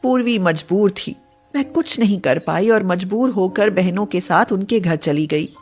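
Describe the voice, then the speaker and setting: A woman narrating a moral story in calm, steady scripted narration. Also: medium pitch, measured pace, faint music behind.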